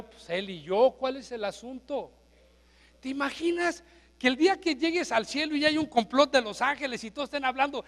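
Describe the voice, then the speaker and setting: A man with a Mexican Spanish accent preaching a sermon as pastor, swinging from quiet asides to shouted exclamations. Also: very high voice, big-room sound. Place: church sanctuary.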